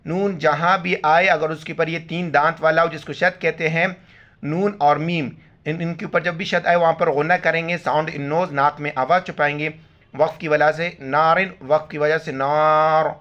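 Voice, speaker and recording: A man teaching Quran reading, spelling syllables slowly and adding quick explanations of the rules. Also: a little high, fairly even intonation, a bit bright. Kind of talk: letter-by-letter recitation lesson. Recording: slightly dull lo-fi audio.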